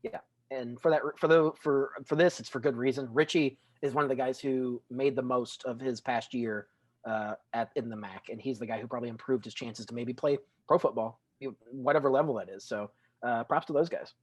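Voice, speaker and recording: A man's voice: mid-range voice, a little fast, no echo. A man co-hosting a casual college football podcast, rambling and stumbling over words with a dry sense of humor. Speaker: co-host. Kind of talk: casual sports podcast chat.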